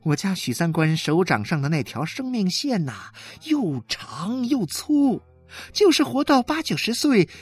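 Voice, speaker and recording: A woman's voice: mid-range voice, slightly rough, no echo, exaggerated voice. A woman voicing a smug, gloating wife. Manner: chatty and gloating, with many sighing "ai" fillers. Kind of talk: dramatic reading.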